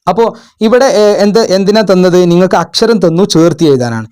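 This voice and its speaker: Guy walking kids and parents thru exam answers, patient, keeps asking if they got it, kinda high mellow voice. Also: big pitch swings, fast talker, clean tone. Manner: patient, repeats and asks questions. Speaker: madrasa tutor.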